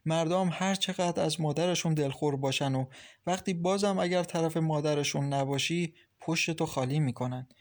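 A man's voice: on the high side, natural voice. A man voicing a chatty advice-giving young wife. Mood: advising. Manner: lively, reassuring, lecturing kindly. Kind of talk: audiobook character reading.

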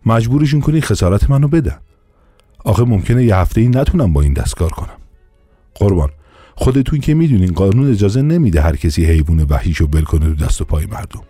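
A man's voice: fairly low pitch, sing-song, mellow, no echo, faint music behind. A man voicing an aggrieved craftsman in an audiobook, complaining and pleading. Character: aggrieved male craftsman with a bitten finger.

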